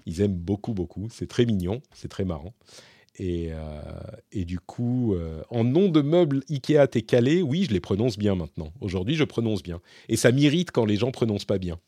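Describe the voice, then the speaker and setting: With a lowish, warm voice and lively intonation at normal speed, a man hosts a casual Q&A monologue, rambling and restarting often amid many fillers. Clean studio sound, no echo.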